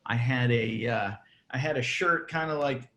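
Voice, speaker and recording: A man's voice: medium pitch, moderate pace, fairly bright tone, muffled recording. Brief: male cigar maker, laid-back rambling storyteller, lots of ums, casual interview. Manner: rambling storyteller, many fillers.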